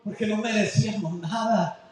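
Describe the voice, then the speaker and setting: A man preaching an expository sermon with passion, his voice swinging from soft to loud. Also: high voice, moderate pace. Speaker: pastor. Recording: echoey church hall with faint noise.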